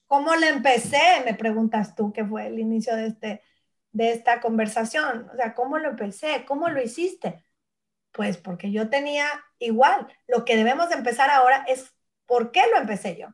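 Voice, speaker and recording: A Mexican woman in her forties, a nutritionist and brand founder appearing as a guest, tells family stories in casual conversation. Her voice is fairly high and her speed normal, and she animatedly acts out her relatives' voices.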